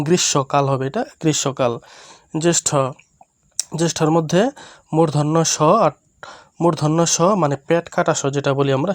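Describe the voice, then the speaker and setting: A Bangladeshi Bengali-accented man teaches a primary school reading lesson, speaking each word slowly and then again. His voice sits a bit on the high side for a man. The recording is dry and close, with no room sound. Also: no echo. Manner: slow, repeats each word twice, explains letters patiently.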